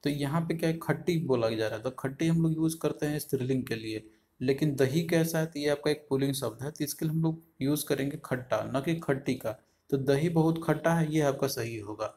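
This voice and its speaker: A man's voice: medium pitch, brisk, a little mellow. Man teaching Hindi exam grammar. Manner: explanatory, repeats each option aloud, frequent fillers like "aapka". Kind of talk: online lesson walking through exam questions.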